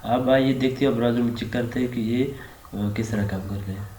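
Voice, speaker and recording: A man's voice: medium pitch, a little fast. Urdu-accented man teaching code, echoey room. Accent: Pakistani Urdu. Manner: repeats "theek hai na" as a tag, steady explaining. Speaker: programming tutor. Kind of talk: screen-recorded coding lesson. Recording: echoey room with faint hiss. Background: keyboard typing and mouse clicks.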